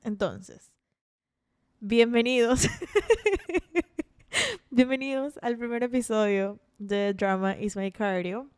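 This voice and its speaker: A woman's voice: on the high side, animated, slow pace, long pauses, clean tone, dry recording, clean studio sound. A woman in her twenties with a Venezuelan accent, hosting a podcast in a chatty, self-deprecating monologue full of restarts. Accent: Venezuelan Spanish. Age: 20s. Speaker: podcast host. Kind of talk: casual monologue.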